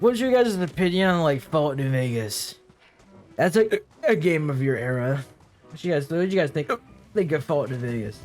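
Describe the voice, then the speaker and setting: Rambling, swearing young gamer with hiccups. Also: male voice, fairly high pitch, a little mellow. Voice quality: rambling and profane, full of fillers. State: has hiccups. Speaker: gaming video creator. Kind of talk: casual gameplay commentary.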